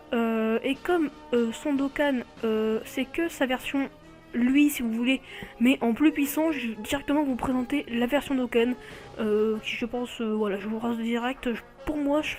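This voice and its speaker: A woman with a somewhat high-pitched voice hosts a relaxed showcase of game cards. She talks freely and keeps catching and fixing her own slips as she goes. Soft music plays quietly behind her. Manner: chatty, often corrects herself mid-sentence. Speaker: video host. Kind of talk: casual mobile game card showcase.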